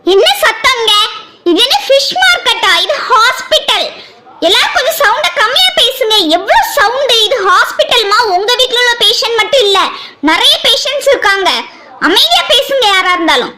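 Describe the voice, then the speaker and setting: A performer playing a stern hospital nurse in a cartoon, scolding people to keep quiet. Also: very high-pitched, big pitch swings, moderate pace, heavily acted.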